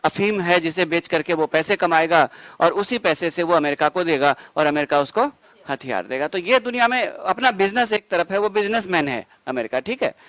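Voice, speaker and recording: An Indian exam-prep teacher with a high, fairly bright voice races through a current-affairs revision lecture. He fires quick questions at the class, answers them himself, and drops asides and jokes between facts. The low-quality recording has no room sound.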